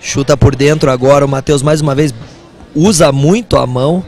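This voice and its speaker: A Brazilian man commentates live on a kickboxing bout. His voice sits slightly high for a man, with plenty of gravelly creak as he describes the action. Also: normal speed, darkish tone. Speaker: fight commentator.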